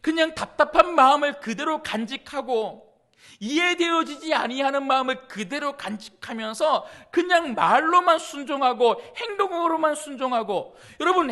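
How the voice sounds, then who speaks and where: A man's voice: very high-pitched, very animated, normal speed, pushed and bright. A man pastor preaching a sermon emphatically, stacking repeated phrases and rising to outbursts. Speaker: senior pastor.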